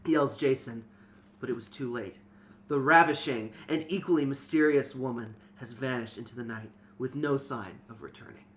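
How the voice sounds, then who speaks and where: A man narrates a fantasy novel aloud in an informal, scripted storytelling style, his voice medium-pitched and a bit bright at a moderate pace. Noticeable background noise runs through the recording.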